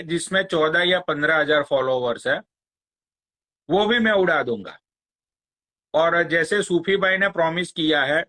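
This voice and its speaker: A man, ranting on a phone live stream. He talks very slowly in a bright, fairly high voice and mocks his target with crude sarcasm. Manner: slow, crude, mocking, sarcastic challenges. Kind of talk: angry rant on a live stream.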